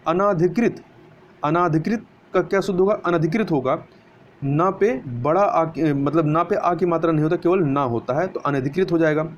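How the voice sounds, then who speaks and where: A man's voice: a little high, moderate pace. A man teaching a spelling lesson for exam preparation, explaining step by step and answering his own questions. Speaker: Hindi grammar teacher. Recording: dull lo-fi recording with faint hiss.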